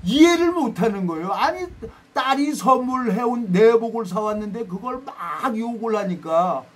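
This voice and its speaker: A man's voice: very high voice, expressive, normal speed. A man preaching a sermon, reading scripture and telling folksy stories with dramatic quoted voices and self-deprecating asides.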